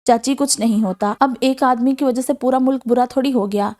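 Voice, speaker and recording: A woman voicing a calm young man from a novel who hides his worries, patient and reassuring. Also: very high voice.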